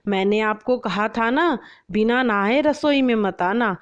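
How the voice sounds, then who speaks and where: A woman's voice: a little high, measured pace, highs cut off, close to an everyday voice. A woman voicing a young, bossy daughter-in-law who fusses over a spotless kitchen and scolds sharply. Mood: scolding.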